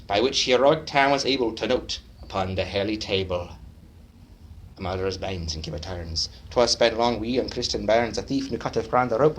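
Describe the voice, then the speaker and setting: A man recites poetry theatrically at a club meeting, putting on a Scottish brogue. His delivery swings from booming declaiming down to hushed, low passages.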